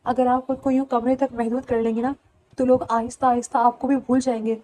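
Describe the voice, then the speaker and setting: A woman's voice: fairly high pitch, little pitch movement, warm tone, no room sound, lightly acted, rough recording. A woman reading the lines of a caring but stubborn young woman in an audiobook, earnest and coaxing. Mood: pleading.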